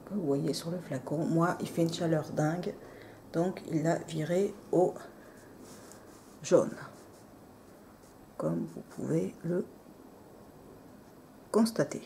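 A woman casually showing off nail polish on camera, soft-spoken and apologetic, often dropping into near-whispers. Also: deep voice, slight background noise. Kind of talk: casual show-and-tell.

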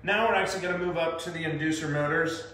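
A man's voice: a little high, steady tone, fast, fairly bright tone, distant mic, slight background noise. Chatty man in an echoey room. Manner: chatty, loose, many fillers while moving in VR headset. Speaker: sales presenter demonstrating VR training. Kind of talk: casual product demonstration. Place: small carpeted-floor training room indoors. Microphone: far camera.

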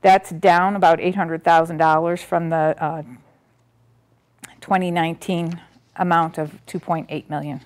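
A middle-aged woman presents a school district budget at a public board meeting, standing by a projector screen and methodically reading out figures with frequent ums and restarts. Her voice is on the low side, level, darkish and a little slow. A distant camera captures the room audio.

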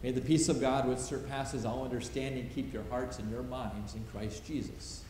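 A man's voice: medium pitch, steady tone, moderate pace, mellow. A middle-aged male pastor preaching a sermon from a pulpit, stressing short repeated phrases. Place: large church sanctuary, at a pulpit. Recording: roomy church reverb, faint hiss.

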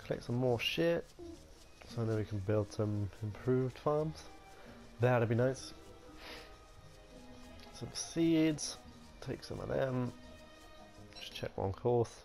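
A man's voice: mid-range voice, slow, creaky, a little mellow, soft background music. A man giving casual let's-play commentary, chatty and playful, talking to himself as he plays. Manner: chatty, playful, talks to himself while playing. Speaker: gaming video host.

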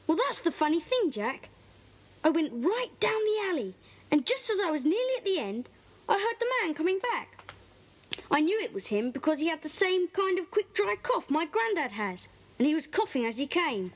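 A woman with a British accent uses a very high, sing-song voice at normal speed to play an earnest, eager schoolboy detective in a children's audio drama. Her heavily acted delivery sounds earnest and intrigued as he tells his story in careful detail.

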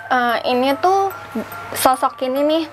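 A young woman in her twenties casually retelling a ghost account, halting and searching for words, on a lapel mic in an indoor studio. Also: high voice, soft background music. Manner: halting, searching for words, animated hand gestures. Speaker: storyteller. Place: indoor studio with a draped backdrop.

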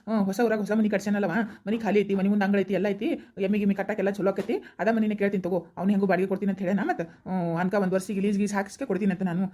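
A woman's voice: medium pitch, level tone, mellow, lightly acted. A woman playing a helpful young village relative who reassures the family, with a North Karnataka accent. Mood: reassuring. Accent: North Karnataka Kannada. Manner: rapid, reassuring, persuasive.

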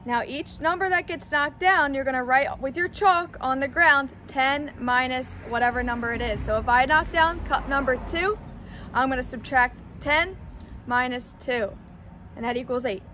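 Young woman pe teacher, high bright voice, walks thru steps clearly, outside w faint street noise. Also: moderate pace. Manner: clear step-by-step explaining, upbeat teacher tone. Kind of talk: instructional demonstration. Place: outdoors on a driveway. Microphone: camera on a tripod at mid distance.

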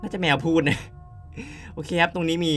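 A man streaming a story game reads its text aloud in a fairly high, light voice. He keeps pausing to throw in short, puzzled remarks to his viewers. Faint music plays behind him. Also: fairly even intonation, a bit bright. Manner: reads story lines aloud, then breaks off with quick puzzled asides. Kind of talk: let's play commentary, reading game text aloud.

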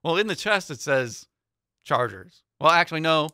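Young man, easygoing sports podcast co-host, bright forward tone, dry studio mic. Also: a little high, lively intonation, normal speed, no room sound. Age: young adult. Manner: easygoing, reads out matchups with light laughs. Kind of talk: casual sports podcast chat. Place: small podcast studio with foam panels. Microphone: studio mic on boom arm, headphones.

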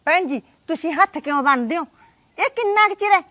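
A pleading middle-aged mother, played by a woman, tries to calm a quarrel. Her voice is very high and bright, and she has a Punjabi accent. The recording is dry and close. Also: fast, no room sound, full character voice. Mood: placating. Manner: pleading, placating.

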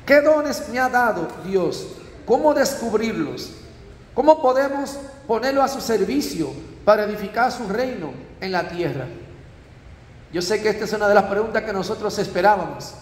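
A priest giving a parish talk, telling stories and checking in with the audience. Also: male voice, sits high, lively intonation, normal speed. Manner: storytelling, asks audience with frequent tag "¿eh?". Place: church. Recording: echoey church hall.

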